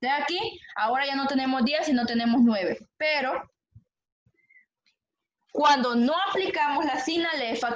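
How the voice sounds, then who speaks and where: This lesson on poetic meter comes from a high-voiced female teacher who patiently poses questions and repeats the class's replies. The room is echoey and the recording sounds dull and lo-fi.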